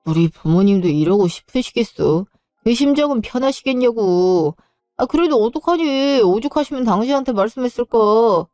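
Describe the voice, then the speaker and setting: A woman's voice: fairly high pitch, expressive, moderate pace, warm tone, no echo, studio quality, faint music behind, lightly acted. A woman voicing a stubborn husband who insists on helping his parents in a story reading. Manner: insistent, pleading.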